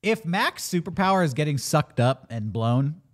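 A man's voice: a little high, sing-song, normal speed. A man recapping a film in casual, joking podcast chat, acting out the characters in exaggerated voices. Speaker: film review podcast host. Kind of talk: casual comedic movie review chat.

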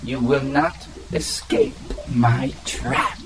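An actor playing a pompous villainous schemer, speaking in theatrical mock-archaic bombast. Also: male voice, medium pitch, sing-song, drawn-out words, very noisy, full character voice. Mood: scheming. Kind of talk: audio drama acting.

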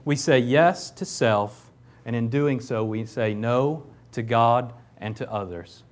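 A man's voice: mid-range voice, slow pace. A man preaching a sermon, reading scripture aloud and pressing his points with rising emphasis and casual asides. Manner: emphatic preaching, rising loud on key phrases. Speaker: pastor.

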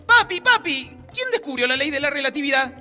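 Man doing a high-pitched pestering little boy. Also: very animated, brisk, loud music behind the voice. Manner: high, eager, insistent. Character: small boy pestering his dad with questions.

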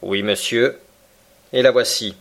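A man voicing a cold, stern middle-aged submarine captain who speaks in a measured, unyielding way, in an audiobook reading. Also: mid-range voice, steady tone, vocal fry, a bit bright.

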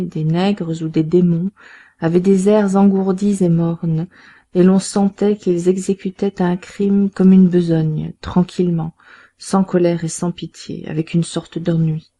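A woman narrating a classic novel in a measured, steady reading voice. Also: lowish voice. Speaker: audiobook narrator. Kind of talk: scripted narration.

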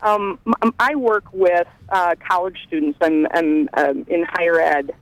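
A woman calling in over the phone to a radio talk show, starting out hesitant and halting. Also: lowish voice, steady tone, dry recording, low-quality recording. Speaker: caller. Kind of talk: casual call-in chat.

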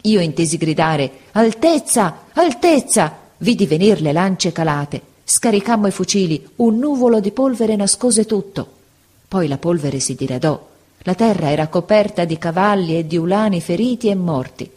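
A woman's voice: fairly low pitch, lively intonation, normal speed, dark tone, breathy edge. A woman reading the part of a proud, emotional middle-aged army veteran in an audiobook, telling his memories with fervor. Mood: stirred. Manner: fervent, stirred storytelling.

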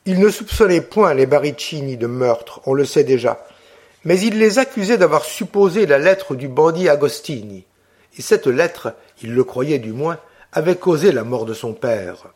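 A man giving a scripted narration of a classic novel. He reads in a steady, measured literary manner. His voice sits slightly high for a man. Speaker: audiobook narrator.

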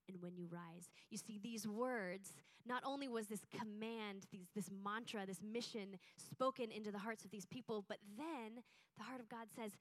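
A young woman preaching to a church, telling a personal story in an earnest, heartfelt way. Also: medium pitch. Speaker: church speaker.

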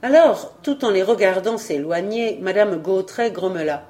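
A woman narrating a novel aloud in a measured, even storytelling voice. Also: medium pitch, faint music behind. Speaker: audiobook narrator. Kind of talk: scripted narration.

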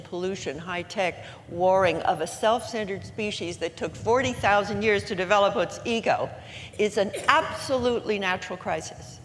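A woman in her eighties giving an earnest, inspirational talk to an audience, slowing down to stress her key words. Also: mid-range voice. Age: 80s. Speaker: speaker at a gathering. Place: large room with an audience. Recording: long hall reverb, faint room noise.

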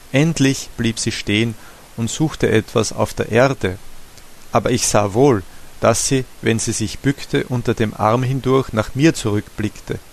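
A man narrating a classic novella as a steady audiobook reader. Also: mid-range voice, vocal fry. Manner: steady storytelling reading. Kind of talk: scripted narration.

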